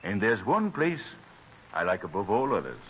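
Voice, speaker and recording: An actor playing George Washington as a courteous, dignified, earnest gentleman in formal, stately phrases in a radio drama. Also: on the low side, big pitch swings, moderate pace, slightly rough, exaggerated voice. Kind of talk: old-time radio drama acting. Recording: muffled old radio recording with hiss.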